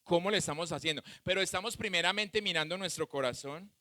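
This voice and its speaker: A male pastor preaching a sermon with a Colombian Spanish accent, swinging between loud shouts and soft asides. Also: high-pitched, fast, no echo.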